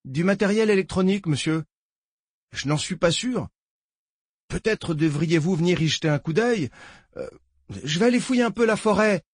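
A man's voice: sits high, animated, moderate pace, long pauses, no room sound, clean studio sound, pitched above the performer's own voice. A man voicing a nervous young male sheriff's deputy who keeps hesitating over the radio. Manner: hesitant, stammers with frequent "uh".

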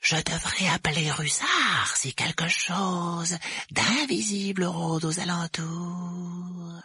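A man voicing a sneaky, mischievous male poltergeist in an audiobook, whispering slowly and fawning. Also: sits high, sharp tone, slightly rough, no echo, pitched above the performer's own voice, heavily acted. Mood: taunting. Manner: wheedling, fawning, slow whispers. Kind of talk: audiobook character voice.

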